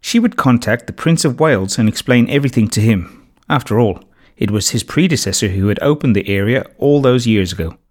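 A man's voice: medium pitch, a little fast. Man narrating a children's storybook. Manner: steady, clear storytelling.

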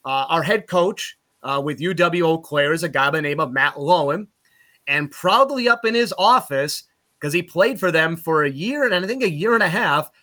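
Bright-voiced man telling lively stories. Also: a little high, moderate pace. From Utica, New York. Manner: lively anecdotes, laughs at his own stories. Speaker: guest, college sports play-by-play broadcaster. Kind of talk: casual podcast storytelling.

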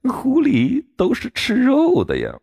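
Bumbling storybook fox, sighing, stammering, pitched up, as a narrator puts him on. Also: male voice, wildly swooping pitch, takes it slowly, vocal fry, darkish tone, slightly rough, no echo, studio quality, full character voice. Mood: rueful. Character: sly hungry male fox, flustered.

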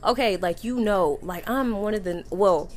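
A young woman with a Southern US accent hosting a casual podcast chat, animated and swearing freely. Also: medium pitch, normal speed. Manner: animated, cussing, fillers like "you know what I'm saying". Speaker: podcast host.

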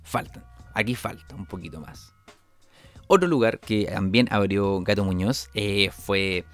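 A man's voice: on the low side, unhurried, faint music behind. A young man with a Chilean accent, a comedian telling rambling stories of his stand-up shows, full of sound effects and restarts. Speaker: comedian host. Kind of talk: comic storytelling.

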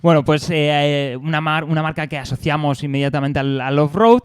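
A man's voice: fairly high pitch, brisk, clean tone, dry recording, clean studio sound. A man co-hosting a casual chat about cars and motorbikes, explaining things patiently with many fillers and restarts. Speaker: co-host, motorcycle expert.

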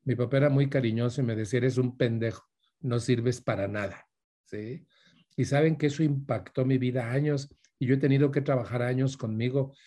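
A man with a Mexican Spanish accent lectures a live audience in a relaxed, conversational way, turning to them often as he tells his own stories. His voice is dark and mellow, with a husky, slightly breathy edge. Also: mid-range voice. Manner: addresses listeners directly, mixes in personal stories. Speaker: speaker giving a talk on parenting.

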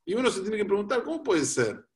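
A man's voice: sits high, big pitch swings, fast talker. Male rabbi teaching, patient and explanatory, repeats phrases for emphasis. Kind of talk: religious teaching in a talk.

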